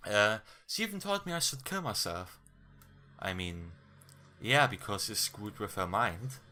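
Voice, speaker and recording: A man's voice: fairly low pitch, animated, measured pace, pushed and bright. A man doing a let's play, reading game dialogue aloud and adding blunt, sarcastic casual asides. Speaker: gamer playing and commenting on a visual novel.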